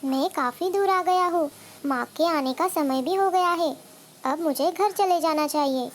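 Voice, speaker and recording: A woman's voice: very high voice, unhurried, slight background noise. A woman voicing a small, playful male baby bird in a cartoon story. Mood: eager. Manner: eager, boastful child's musings.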